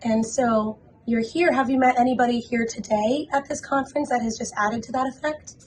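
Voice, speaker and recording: A woman's voice: fairly high pitch, steady tone, normal speed, darkish tone, slight background noise, low-quality recording. A woman hosting a conference interview, upbeat and encouraging toward her guest. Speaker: interview host. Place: conference venue.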